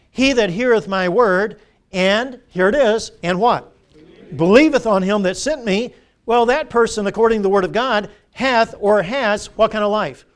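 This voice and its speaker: A middle-aged man preaching a sermon, asking the congregation questions and repeating key phrases. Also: high-pitched.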